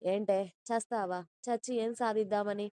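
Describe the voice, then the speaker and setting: A woman's voice: medium pitch, steady tone, moderate pace, mellow, smooth, no room sound, close to an everyday voice. A woman voicing a stern, angry young man who scolds bluntly in an audio story.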